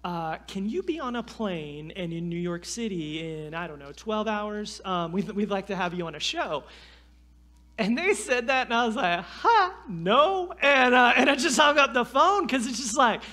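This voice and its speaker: A man from North Carolina, preaching as a guest speaker and telling a personal story in a lively, self-deprecating way. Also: high-pitched, normal speed. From North Carolina, USA. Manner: animated, self-deprecating, frequent restarts and fillers. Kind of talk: sermon storytelling. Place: church sanctuary.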